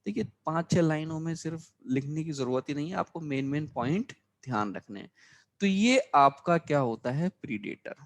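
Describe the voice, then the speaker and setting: A man's voice: on the high side, lively intonation, normal speed. Male biology teacher drilling exam points. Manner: repeats key terms, checks understanding with "clear?"; addresses students as children, frequent reminders to remember. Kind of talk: exam-prep lesson explaining class notes.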